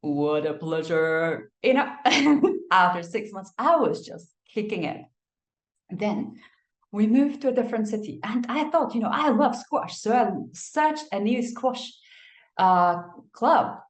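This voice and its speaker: Expressive woman with an echoey sound. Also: on the high side, measured pace. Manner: expressive storyteller, acts out quotes, laughs. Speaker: migration advisor. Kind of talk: animated advice talk with anecdotes. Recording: echoey room.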